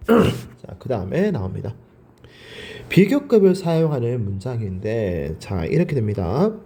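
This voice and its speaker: A man's voice: medium pitch, very animated, measured pace, creaky, mellow. A male teacher giving a grammar lecture. He asks his class questions, answers them himself and drills the words by repeating them.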